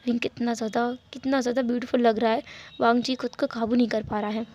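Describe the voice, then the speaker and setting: A woman reading fan fiction aloud as narrator, earnest and softening in tender passages. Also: a little high, flat delivery, quick pace, lo-fi sound.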